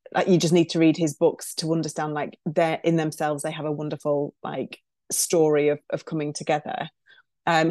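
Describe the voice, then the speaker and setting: A woman's voice: on the low side, a little mellow, dry recording, studio quality. Chatty, enthusiastic woman podcast host. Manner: enthusiastic, chatty, many fillers. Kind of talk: podcast intro and interview.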